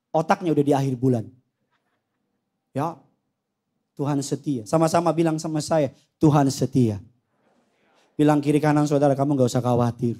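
A male pastor preaching a lively sermon in a church, joking with the congregation and acting out little scenes. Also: a little high. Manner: playful, jokes with the congregation, acts out voices.

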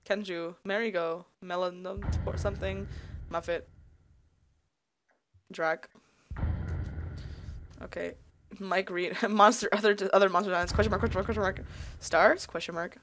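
A woman hosting a casual gameplay video, murmuring quiet asides while reading on-screen credits. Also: medium pitch, fairly even intonation, a little slow, pauses often, a little hiss or hum, low-quality recording. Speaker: gaming video host. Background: video game music.

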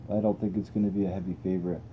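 A man's voice: low-pitched, racing, highs cut off, a little hiss or hum. A young man hosting a toy car channel, chatting casually and thinking aloud as he tests cars on a table indoors. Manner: relaxed, rambling, thinks aloud while testing cars.

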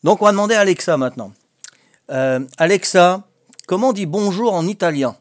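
A man's voice: high-pitched, expressive, fairly quick, dry recording, clean studio sound. An older man with a Corsican French accent, chatting casually on a home video, full of fillers, restarts and little jokes. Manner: hesitant, many fillers and restarts, joking. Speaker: vlogger learning a language.

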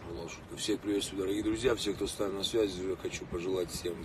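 A man's voice: sits low, steady tone, quick pace. A man in his late thirties chatting casually with fans on a livestream from inside a car in city traffic, greeting viewers by name. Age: late 30s. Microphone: phone held or mounted at arm's length. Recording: distant phone mic with street noise.

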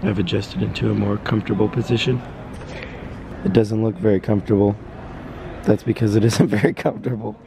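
A man's voice: fairly low pitch, level tone, brisk, gravelly, long pauses. A man vlogging on a handheld camera at an airport at night, tired and joking. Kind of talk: casual vlog narration. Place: airport at night, then home with pets. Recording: noisy handheld camera audio.

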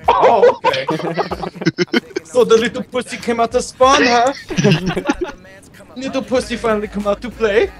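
A man's voice: very high voice, expressive, measured pace, pauses often, very noisy. A young man chatting with friends while gaming, crude trash talk and lots of laughing. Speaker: gamer in a voice chat. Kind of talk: casual gaming banter.

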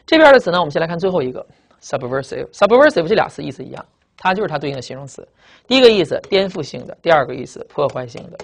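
Fast-talking male vocabulary teacher. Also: fairly high pitch. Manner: explains and repeats with many rhetorical questions and drawn-out "啊". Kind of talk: classroom lecture.

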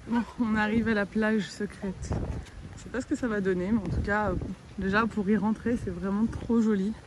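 Holding her phone at arm's length, a woman vlogs casually about her travels from beaches and a moving car. Her mid-range voice is steady and moderately paced, and the recording is muffled and noisy with wind and car noise.

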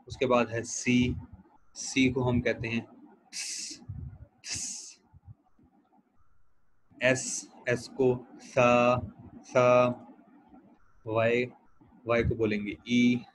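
A man giving a recorded lecture as a language teacher, explaining pronunciation step by step and repeating each sound slowly for students to copy. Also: medium pitch, low-quality recording.

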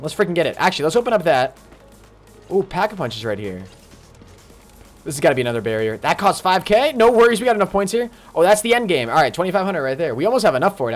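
A man talking through a live game stream in a slightly high, very lively voice. He chats casually, greets viewers by name and breaks into sudden excited outbursts. Faint game music plays underneath. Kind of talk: live gaming stream commentary.

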